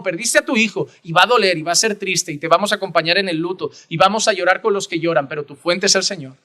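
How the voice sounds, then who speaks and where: High, bright-voiced preaching pastor. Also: male voice. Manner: earnest preaching, swings between loud emphasis and hushed prayer. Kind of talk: sermon.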